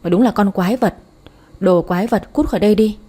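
A woman's voice: mid-range voice, fast talker, warm tone, breathy edge, lightly acted. A woman voicing a cruel young boy who taunts another child in an audiobook story, speaking with contempt. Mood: taunting.

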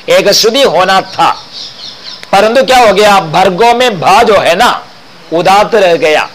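A man teaching Vedic mantra chanting, intoning each line slowly and then explaining the pitch marks. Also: a bit bright, a little hiss or hum, rough recording.

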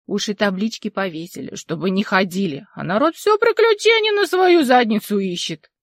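A woman's voice: mid-range voice, big pitch swings, moderate pace, no room sound, studio quality. A woman voicing a talkative old village man who tells local legends in an emphatic, rustic way. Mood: folksy storytelling. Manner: folksy, emphatic, rustic speech.

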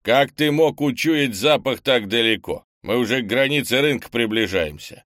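A thrifty old grandfather grumbles and lectures, voiced by a man reading aloud, his low voice raised and pressing. The sound is close and dry, with no room around it. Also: moderate pace, no echo, lightly acted. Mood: surprised. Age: older. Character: stingy, practical old grandfather.

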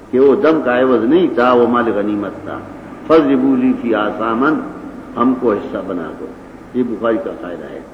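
A man's voice: mid-range voice, slight background noise. An older man with a Pashtun-accented Urdu, teaching scripture in a didactic, argumentative lecture and reciting Arabic passages. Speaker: Quran and hadith teacher. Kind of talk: religious lecture. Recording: echoey hall, dull lo-fi old recording.

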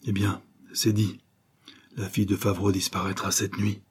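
A man voicing a weak-willed, anxious thief who speaks softly and submissively, reading an audiobook. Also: lowish voice, normal speed, husky. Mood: defeated. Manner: hushed, fearful, pleading. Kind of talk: audiobook character voice.

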